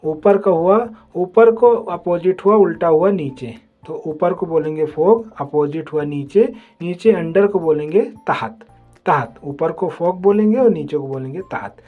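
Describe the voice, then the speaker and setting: A patient language teacher works through pairs of opposites, repeating each word again and again. The voice sits at a middle pitch. The recording is dull and lo-fi, with faint music underneath. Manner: slow, repetitive drilling, says "ठीक है" often. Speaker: Arabic teacher. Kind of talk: vocabulary lesson, repeating words.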